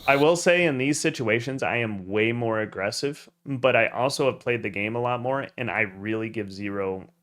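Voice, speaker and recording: Man, young adult, game coach, casual review commentary, blunt, relaxed, mid pitch. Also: moderate pace. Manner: relaxed and blunt, with loose fillers and some swearing. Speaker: gameplay coach and channel host.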